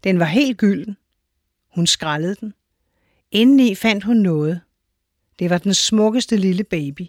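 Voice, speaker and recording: A woman reading a children's story aloud in a clear, measured storytelling manner. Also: mid-range voice, animated, no echo, studio quality. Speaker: narrator.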